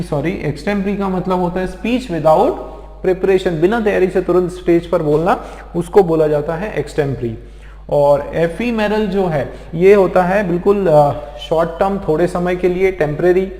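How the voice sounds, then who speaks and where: A male vocabulary teacher from India lectures with patient, repetitive explanations, checking in with his students again and again. His voice sits somewhat high for a man. The recording carries a roomy echo with a long reverb tail. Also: darkish tone. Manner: explains slowly with many repeated check-ins. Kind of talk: exam-prep lecture. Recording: echoey room with long reverb.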